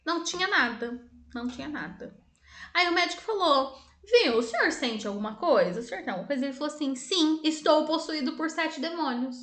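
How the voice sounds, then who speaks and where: A woman with a high voice chats her way through eerie stories. She is animated, laughs a lot and puts on voices for the people she quotes. The recording has a roomy echo. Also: fast. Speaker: podcast co-host. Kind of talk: casual storytelling chat.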